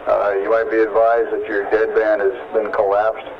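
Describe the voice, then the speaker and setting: A man's voice: lowish voice, monotone, moderate pace. An American man in mission control doing astronaut radio communication, reading out procedures and figures in a clipped, careful way over an old space radio loop. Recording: dull, noisy 1960s space radio loop.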